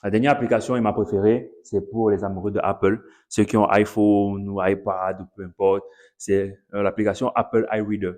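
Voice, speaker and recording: A man with a fairly low voice speaks straight to his audience in a relaxed vlog. He rambles in a chatty way, circling back over his points and slipping English words into his sentences. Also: fairly quick. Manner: chatty, repeats himself, mixes in English words. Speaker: content creator promoting his online academy. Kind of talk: casual direct-to-camera vlog.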